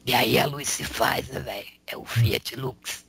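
A man channeling a male spirit who preaches in a slangy, raspy whisper, tagging lines with rhetorical questions. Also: mid-range voice, a little slow, a bit bright, no room sound, heavily acted. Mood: preaching. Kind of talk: spiritual counsel.

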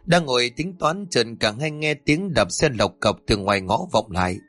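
A man's voice: mid-range voice, big pitch swings, moderate pace, a bit bright, dry recording, faint music behind. A man narrating a scripted village tale in a dramatic, vivid way. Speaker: storyteller. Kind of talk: scripted horror story narration.

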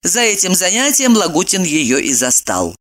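Expressive comic audiobook reader, swinging pitch, playful ironic storytelling. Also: normal speed.

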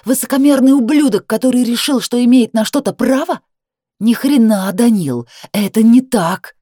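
A woman voicing an enraged young woman shouting back in anger. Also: on the high side, moderate pace, no room sound, studio quality, pitched above the performer's own voice, close to an everyday voice. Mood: furious. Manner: hissing, shouting, sharp.

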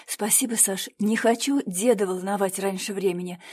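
A woman's voice: mid-range voice, fairly even intonation, normal speed, darkish tone, husky, lightly acted. A woman voicing an earnest young woman who pleads and reasons with friends. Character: earnest young woman, first-person heroine.

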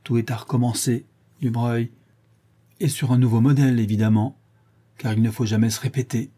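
A man reading a cocky, playful gentleman burglar with theatrical, mocking flourishes. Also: mid-range voice, little pitch movement, brisk, slightly rough, natural voice. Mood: scheming.

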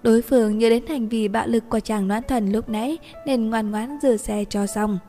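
Woman narrating a novel, highish mellow voice, long echo, faint music under it. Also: normal speed. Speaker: audiobook narrator. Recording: reverberant room with faint music.

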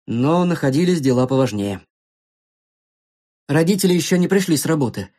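Expressive storyteller reading a kids tale, voice swinging up and down, playful. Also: mid-range voice. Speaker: narrator. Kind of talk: storybook narration.

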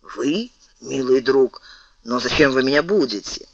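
A man voicing a huge, good-natured male giant with a gruff, booming voice. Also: unhurried, dry recording, highs cut off. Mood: sleepy.

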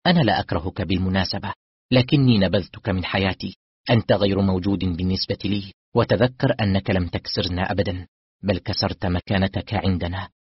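A man's voice: low voice, a little fast, slightly rough, dry recording. A man voicing a bitter, scornful young woman who coldly rejects her father, in a dull, dry audiobook recording. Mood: stern warning. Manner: scornful, stern. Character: bitter young woman, elder daughter, cold and firm.

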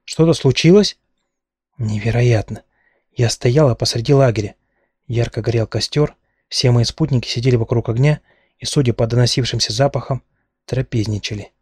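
A man reading a first-person novel aloud at a steady, measured pace. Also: medium pitch, husky, no echo, clean studio sound. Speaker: audiobook narrator.

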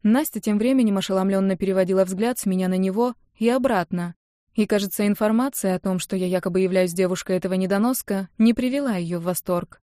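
A woman narrating an audiobook in the first person, lively and expressive. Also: mid-range voice, fast, dry recording, studio quality. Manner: lively, indignant when quoting herself.

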